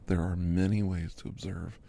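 A man's voice: sits low, flat delivery, moderate pace, gravelly, warm tone, no room sound, studio quality. A man doing a whispered role-play as a chatty doctor in his fifties who gives a massage, rambling easily in a half-whispered voice. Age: 50s. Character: chatty fifty-something male doctor giving a massage. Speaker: ASMR host.

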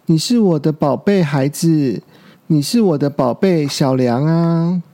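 Guy reading as a soft loving mama dino, slow and mellow. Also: on the high side. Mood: tender. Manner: tender, soothing. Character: gentle loving mother dinosaur.

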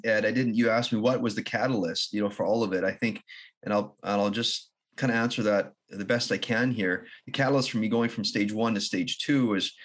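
A man with a lowish voice, a podcast guest being interviewed, tells a long personal story earnestly and haltingly, with restarts and soft laughs.

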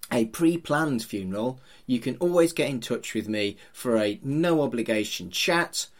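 A middle-aged man, hosting a podcast in an informal, teasing, chatty way. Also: mid-range voice. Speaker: podcast host, funeral celebrant.

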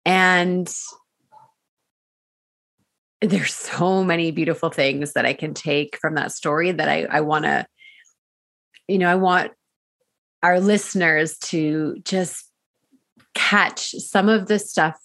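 List: woman, podcast host, lower register, encouraging tone. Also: takes it slowly, a bit bright. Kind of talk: podcast interview.

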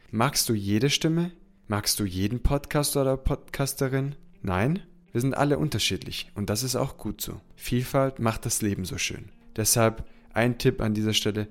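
A man hosting a solo podcast, encouraging and speaking straight to the listener. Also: on the low side. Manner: encouraging, addresses listener directly. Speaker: podcast host. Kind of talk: solo podcast monologue giving tips.

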